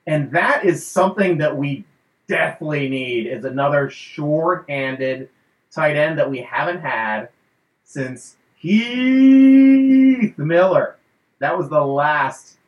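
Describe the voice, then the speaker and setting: A podcast host with a slightly high voice speaks slowly while running a casual fan show, rambling with lots of fillers and laughing often, in a recording with a roomy echo.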